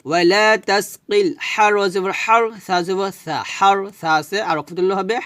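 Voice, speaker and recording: Man teaching recitation syllable by syllable; high, clear voice, dry close sound. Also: a bit bright, dry recording. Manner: spells syllables slowly, then recites drawn-out Arabic. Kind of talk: spelling out Arabic recitation lesson.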